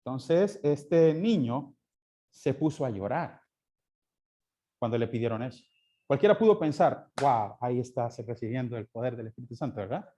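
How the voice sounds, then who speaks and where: A man's voice: medium pitch, animated, normal speed, warm tone. A man teaching a Sunday school class, often asking his listeners questions and answering them himself. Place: church classroom.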